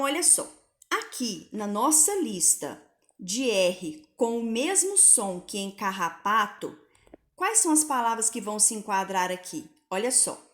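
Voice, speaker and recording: Woman teacher, slow and patient, clearly spelling out words, echoey room. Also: on the high side. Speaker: Portuguese language teacher. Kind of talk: recorded answer-key lesson for pupils.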